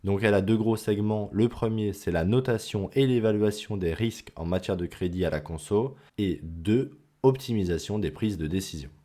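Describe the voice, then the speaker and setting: A man's voice: lowish voice, normal speed, mellow. A man hosting an investing channel, talking through slides in a casual, chatty way, with many fillers and the odd self-mocking aside. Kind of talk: casual screen-share explainer.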